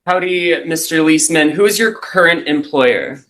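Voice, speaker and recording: A man's voice: on the high side, a bit bright. Man prosecutor on a courtroom recording. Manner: formal, measured legal phrasing. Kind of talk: reading charges and questioning a witness in court.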